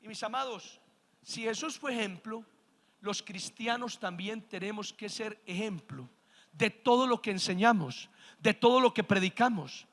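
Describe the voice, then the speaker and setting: A pastor preaching with a very high, bright voice, pressing the congregation for amens. His emphatic sermon rings out with a long reverb through a church hall. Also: lively intonation, unhurried. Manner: emphatic, calls the congregation to answer amen.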